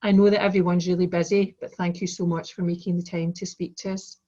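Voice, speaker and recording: A woman's voice: on the low side, flat delivery, quick pace, dark tone. A woman with a broad Glaswegian Scottish accent, formally and courteously giving a chair's welcome address over a dull video-call connection. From Glasgow, Scotland. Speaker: conference chair giving opening remarks. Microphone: video call microphone.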